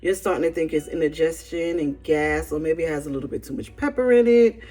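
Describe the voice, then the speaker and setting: A woman's voice: low voice, a little fast. A woman giving an informal sermon, telling colloquial stories emphatically and often checking in with tag questions. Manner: animated, colloquial storytelling with frequent "right?" tags.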